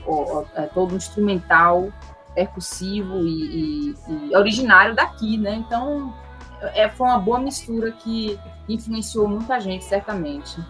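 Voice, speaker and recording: A woman's voice: mid-range voice, a little slow, fairly bright tone, soft background music. A woman from Salvador, a musician being interviewed, speaking reflectively with many repeated words and restarts. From Salvador, Bahia, Brazil. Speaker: musician guest.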